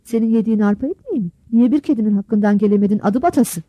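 A woman's voice: mid-range voice, racing, slightly rough, dry recording, highs cut off, natural voice. A woman voicing a hard-hearted village father who scolds coarsely in a storybook reading. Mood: scornful.

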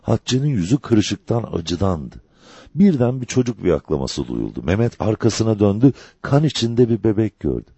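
A man reading a dramatic novel aloud as an audiobook narrator, in an expressive storytelling manner. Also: fairly low pitch, moderate pace, breathy edge, no echo.

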